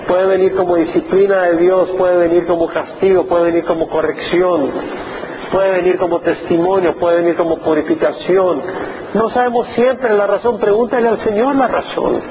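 A man's voice: high-pitched, moderate pace, dull audio, background noise. A male pastor preaching a sermon in an earnest, urging way, building his points through repeated phrases.

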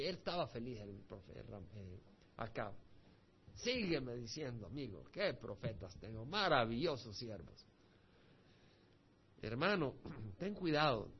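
Animated preacher with a lively voice. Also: male voice, medium pitch, slightly rough. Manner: animated, reads scripture then explains it with asides to listeners. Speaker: pastor. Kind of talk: expository Bible sermon. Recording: muffled lo-fi recording.

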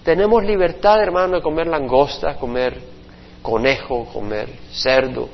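A man's voice: mid-range voice, steady tone, unhurried, creaky. A man teaching a Bible study as a pastor, chatting to his listeners, checking in with them and acting out short quotes. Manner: conversational, asks listeners "¿verdad?", acts out short quotes. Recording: dull sound with long reverb in a hall.

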